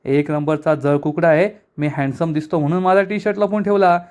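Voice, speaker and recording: A man's voice: a little high, fairly even intonation, fairly quick, a little mellow, close to an everyday voice. A man voicing an irritated, defensive young man who thinks himself handsome.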